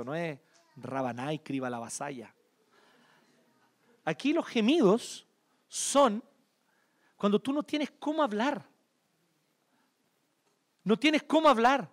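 A man preaching a sermon in a Chilean Spanish accent, shifting between loud emphasis and hushed, tender passages. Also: high-pitched. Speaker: pastor.

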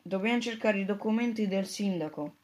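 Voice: mid-range voice, brisk, lightly acted. A reader voicing a stern, serious girl who speaks firmly. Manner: firm, reproachful.

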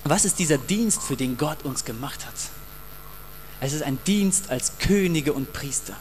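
A man's voice: on the high side, animated, unhurried, long reverb tail, faint music behind. Passionate male pastor preaching. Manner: passionate, emphatic, addresses the congregation directly. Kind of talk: sermon.

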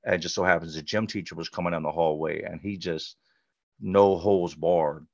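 A man's voice: low voice, steady tone, normal speed, darkish tone, no echo. A middle-aged man from North Carolina, telling his life story as a podcast guest in a blunt, conversational way, full of "like" and "you know". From North Carolina, USA. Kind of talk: candid personal storytelling. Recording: dull, lo-fi dry sound.

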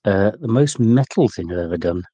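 A man telling a story in casual chat, dry and deadpan with quips. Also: lowish voice, fairly quick, husky, no room sound.

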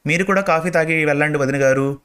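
A man voicing a devoted older housewife who scolds and fusses over her husband, raising his pitch for her. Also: fast talker, a bit bright, smooth, natural voice. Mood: relieved. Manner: scolding, fussing.

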